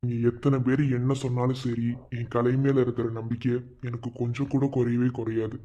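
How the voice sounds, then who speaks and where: A man voicing a calm, devoted young man in a cartoon, speaking earnestly about his faith in love. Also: medium pitch, fairly quick, close to an everyday voice. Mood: steady resolve. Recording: dull lo-fi recording.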